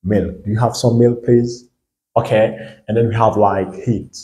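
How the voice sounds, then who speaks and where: A patient man teaches a language lesson in a fairly low voice. He works through each point step by step and keeps checking that the learners follow. The recording has a roomy echo. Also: fairly even intonation, slow, mellow. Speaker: English teacher. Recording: echoey room.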